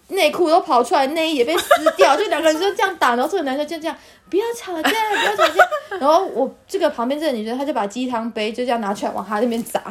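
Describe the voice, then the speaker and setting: A woman hosting a podcast, telling a story in casual chat, animated and breaking into laughter. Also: high-pitched. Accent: Taiwanese Mandarin. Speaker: podcast host.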